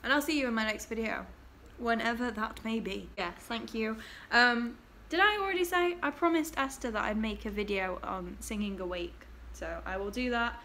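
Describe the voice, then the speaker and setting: A giggly young adult vlogger from England chats to her laptop webcam at a desk in a small indoor bedroom. Her voice is fairly high, bright and forceful, at a moderate pace with few pauses and a little hiss or hum. She's chatty, trailing off into fillers.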